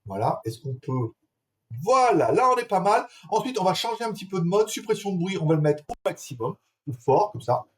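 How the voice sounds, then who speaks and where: Talking fairly quickly in a high, very animated, slightly rough voice, a man reviews a webcam in relaxed French, laughing a lot and addressing the viewer directly. The audio comes from the camera's built-in microphones, in a room with a small fan and AC running.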